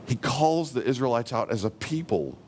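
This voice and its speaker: A man preaching a sermon, earnestly, slowing down and softening when he quotes God's words. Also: medium pitch, lively intonation, slight background noise. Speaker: pastor.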